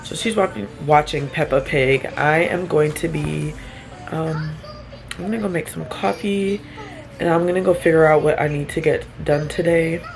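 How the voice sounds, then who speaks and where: A young single mom talks casually through her weekend routine in a low, relaxed voice, sounding a little tired. She rambles, trails off and laughs at herself, with music playing clearly under her voice. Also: normal speed. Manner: chatty, rambling, self-deprecating with soft laughs. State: tired, yawning. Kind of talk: casual vlog narration.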